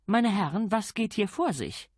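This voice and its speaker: A man voicing a grand, ample aristocratic lady, imperious and briskly polite. Her voice sits high and swings with lively melody. The read is dry and close. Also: breathy edge, no room sound. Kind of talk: audiobook character voice.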